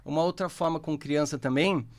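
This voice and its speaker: Explanatory Brazilian man, fairly high voice. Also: moderate pace. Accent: Brazilian Portuguese. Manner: explanatory, patient, frequent "né?" and "tá?". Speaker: guest therapy instructor. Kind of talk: podcast interview.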